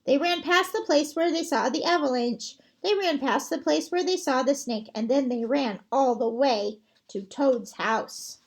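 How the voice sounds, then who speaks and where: A woman librarian reading a picture book aloud to children, gentle and expressive. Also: sits high, unhurried, hardly any pauses.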